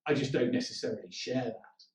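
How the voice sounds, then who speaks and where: A man's voice: medium pitch, fairly even intonation, brisk, far from the mic. A man presenting a leadership training talk in a direct, instructive way. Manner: direct, instructive, with acted-out quotes. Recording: echoey room, mic some way off.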